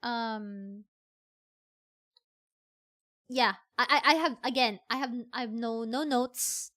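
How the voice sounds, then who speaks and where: Bright-voiced Filipino-accented woman streamer. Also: on the high side, takes it slowly. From Philippines. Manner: repeats phrases for emphasis. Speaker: VTuber streamer. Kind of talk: casual livestream chat.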